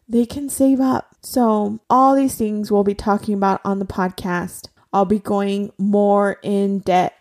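A woman's voice: mid-range voice, warm tone. A woman in her forties hosting a podcast, talking in an earnest, conversational way with many fillers. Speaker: podcast host. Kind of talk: personal podcast monologue.

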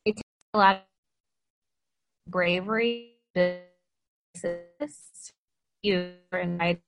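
A woman's voice: lowish voice, fairly even intonation, takes it slowly, vocal fry, dry recording, dull audio, soft background music. Woman on a glitchy, breaking-up call. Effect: glitchy, breaking-up online call audio. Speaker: podcast guest. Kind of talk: casual conversation. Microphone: online call.

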